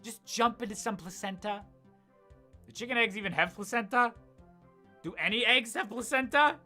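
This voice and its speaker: A man with a Canadian accent delivers scripted comedic narration over gameplay in a bright, forward voice. His sarcasm swings from deadpan asides to sudden loud outbursts. Faint game music plays under him. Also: high-pitched, moderate pace. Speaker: gaming comedy YouTuber.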